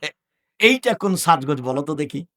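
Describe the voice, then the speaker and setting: Older male preacher, scolding sermon, rhetorical questions, fairly high voice. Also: lively intonation, normal speed. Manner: scolding, with rhetorical questions and sudden loud rises. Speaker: Islamic preacher.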